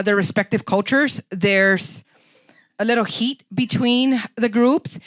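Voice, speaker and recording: A woman with a Los Angeles accent, a chef and anthropologist, answering audience questions at a lecture in a thoughtful, unhurried way with many fillers. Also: mid-range voice, fairly bright tone, dry recording. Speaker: guest speaker, chef and anthropologist. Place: lecture hall.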